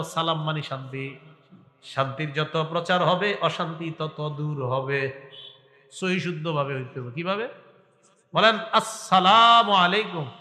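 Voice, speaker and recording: A high-voiced male preacher with a very bright, piercing tone exhorts a crowd, asking questions and chanting Arabic lines. His voice rings through a large hall with long, echoing reverb. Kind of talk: Bengali waz sermon.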